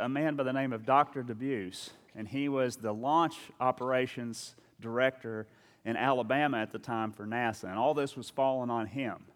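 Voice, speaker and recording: A man's voice: mid-range voice, in a large hall. A man preaching a sermon as a pastor, talking in a conversational, storytelling way with frequent asides and restarts.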